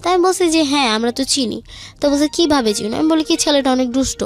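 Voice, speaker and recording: Over music, a young Bangladeshi-accented woman talks quickly in a high-pitched voice. She's a guest sharing her life story in a colloquial way, replaying the dialogue line by line.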